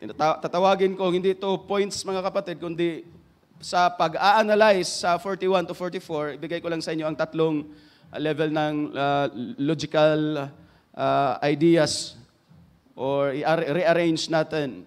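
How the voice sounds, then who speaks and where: A man with a Filipino accent preaching a sermon, switching between Filipino and English, swinging from loud emphatic phrases down to hushed, low passages. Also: fairly even intonation, measured pace, smooth. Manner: mixes English into Filipino, rising to loud emphasis then dropping to hushed tones.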